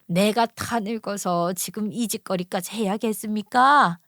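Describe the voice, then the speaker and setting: A woman voicing a spiteful older mother-in-law who scolds in a shrill, contemptuous way. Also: measured pace, a bit bright, no echo, studio quality. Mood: scolding. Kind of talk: storytelling radio narration.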